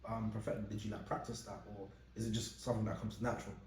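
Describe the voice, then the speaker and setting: A young man co-hosting a casual podcast chat, talking rapidly and filling his speech with "like". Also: fairly low pitch, little pitch movement, a little mellow, slight background noise. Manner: rapid, filler-heavy with constant "like". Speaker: podcast co-host. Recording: roomy sound from a distant mic.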